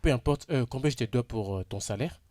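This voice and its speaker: A man dubbing a scheming male employer in a film, snapping orders and hushing his servant. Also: medium pitch, fairly quick, no room sound, studio quality, lightly acted. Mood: generous. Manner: commanding, snaps orders, hushes. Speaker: household boss. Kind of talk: French film dub.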